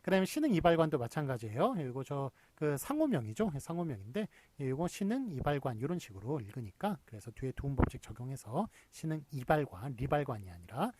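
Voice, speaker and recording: A man's voice: mid-range voice, very animated, quick pace, few pauses, darkish tone, a little hiss or hum. A man lecturing in a recorded university class, explaining step by step with frequent fillers.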